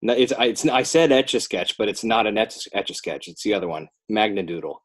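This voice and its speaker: A guest on a casual podcast, this children's book author from Northern New Jersey speaks in a low American voice. He tends to meander, retraces his words to correct them and pieces his responses together hesitantly.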